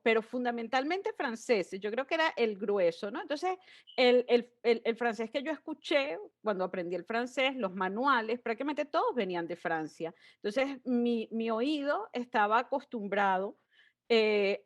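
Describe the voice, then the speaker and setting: A woman speaks as a podcast guest, her voice sitting a little higher than most. She talks reflectively, restarting phrases now and then as she works through her thoughts. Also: expressive, measured pace. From Venezuela. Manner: reflective, explains at length with small restarts. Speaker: podcast guest, immigrant in Quebec. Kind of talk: casual podcast chat.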